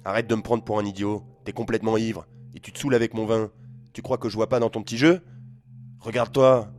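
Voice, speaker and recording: A man voicing a furious middle-aged father who yells harsh commands. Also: low-pitched, little pitch movement, fast talker, lightly acted.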